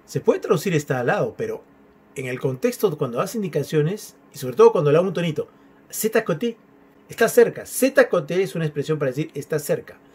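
A man with a husky, slightly high voice teaches a beginner French lesson. He explains in a lively, patient way, then slows right down to model each French phrase carefully for the learner to repeat.

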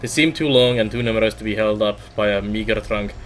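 Low-voiced man reading game text aloud. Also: quick pace, fairly bright tone. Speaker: gaming let's player.

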